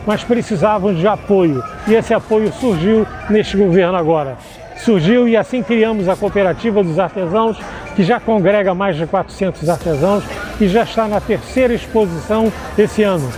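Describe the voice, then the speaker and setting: An older Brazilian man, a community council president, giving a measured, speech-like statement at an outdoor craft fair. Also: high voice. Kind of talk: formal street interview statement. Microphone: lapel mic.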